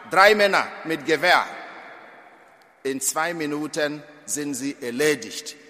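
The voice sits high, pushed and bright. Preaching at mass, this Nigerian priest hammers his points emphatically with dramatic surges and dips in loudness, all swimming in long church reverb.

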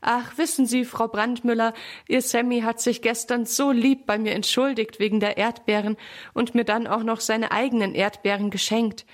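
A woman's voice: on the high side, little pitch movement, normal speed, close to an everyday voice. Woman reading as a chatty, stately neighbor lady.

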